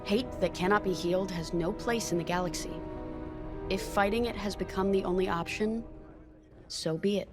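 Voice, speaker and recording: A woman's voice: medium pitch, normal speed, music in the background, lightly acted. A woman playing an earnest, empathetic rebel pilot in a video game, with a solemn, thoughtful manner. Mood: solemn, compassionate.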